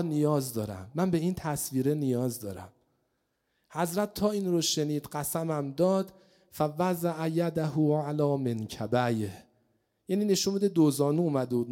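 Preacher, storytelling sermon, slow Arabic recitation, swings loud to hushed. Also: male voice, fairly high pitch. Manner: recites Arabic slowly, then explains in Persian; dramatic swings between loud and hushed delivery. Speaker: religious speaker.

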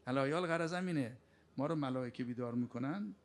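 Gravelly guy preaching, fires off rhetorical questions, scolding tone. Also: mid-range voice. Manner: rebuking, with sharp rhetorical questions. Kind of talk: sermon.

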